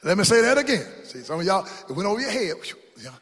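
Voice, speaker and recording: Preaching man, high lively voice. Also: quick pace, slightly rough. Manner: call-and-response preaching, swings to shouts. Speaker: pastor. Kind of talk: sermon. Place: church sanctuary. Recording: long hall reverb.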